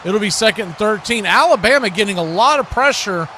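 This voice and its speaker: Expressive and fairly quick, this American play-by-play commentator delivers live football calls in a high, pushed, bright voice. He trades terse present-tense calls for casual asides, with clear background noise present throughout.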